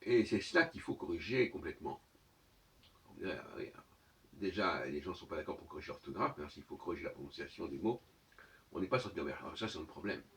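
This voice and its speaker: A man giving a lecturing monologue on his own channel, professorial and argumentative, pausing on fillers while he searches for words. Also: low-pitched, lively intonation, fairly bright tone, recorded from a distance.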